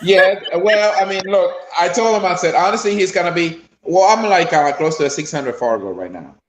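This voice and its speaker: A man's voice: high-pitched, animated, moderate pace, roomy sound, rough recording. A man from Honduras with a Honduran accent, a player's father talking casually in an interview, rambling with many fillers and restarts.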